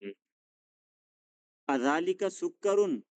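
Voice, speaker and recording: A man teaching an Arabic lesson, drilling students with questions, patient and encouraging as he corrects them gently. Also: fairly high pitch, big pitch swings, slow, clear, resonant tone, dry recording.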